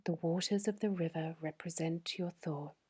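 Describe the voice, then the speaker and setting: A woman whispering a guided sleep meditation in a soft, breathy voice, slow and soothing. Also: on the low side, steady tone.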